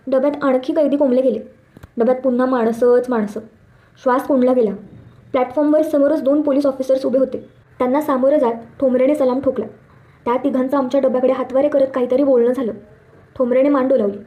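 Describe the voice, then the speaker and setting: A woman's voice: sits high, highs cut off. A woman reading a humorous short story aloud, voicing the male narrator and the prisoners as she tells it.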